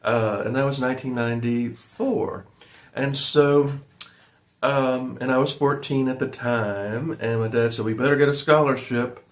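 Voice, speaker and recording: A man's voice: mid-range voice, a little slow. A man in his forties from Virginia, talking to his viewers in a meandering way, full of ums and uhs, and often calling them "folks". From Virginia, USA. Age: 40s. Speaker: vlogger. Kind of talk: rambling personal monologue to viewers.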